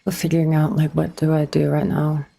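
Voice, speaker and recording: Low-voiced woman streamer chatting casually. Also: little pitch movement, brisk, vocal fry, warm tone, a little hiss or hum. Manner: chatty, a bit awkward, reads and answers chat. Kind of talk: casual livestream chat.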